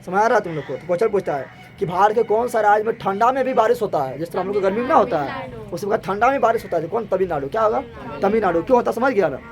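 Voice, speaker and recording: A male teacher, giving an animated classroom lecture and firing repeated questions at his students. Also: sits high. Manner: animated, repetitive questioning, colloquial Hindi with regional forms. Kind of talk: classroom lecture with call-and-response.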